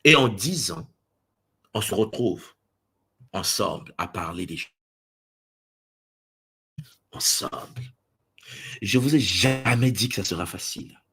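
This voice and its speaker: Brief: husky male spiritual teacher, lively swooping delivery, mimics others' voices in asides. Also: takes it slowly, long pauses. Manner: swings from booming exclamations to low intimate asides. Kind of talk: impassioned spiritual address to followers.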